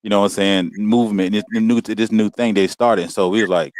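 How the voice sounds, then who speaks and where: A very deep-voiced American man speaks as a podcast guest, recorded in a close, dry sound. His delivery is casual and heartfelt, full of "man" and "you know what I'm saying." His pitch climbs sharply when he relives emotional moments. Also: fairly even intonation, fairly quick, a little mellow, dry recording. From United States. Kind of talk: casual personal storytelling.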